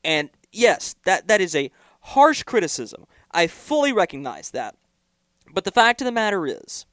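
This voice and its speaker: A man's voice: sits high, fairly bright tone, no echo, clean studio sound. A young man hosting a college sports talk show, giving blunt, punchy opinions. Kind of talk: college sports podcast chat.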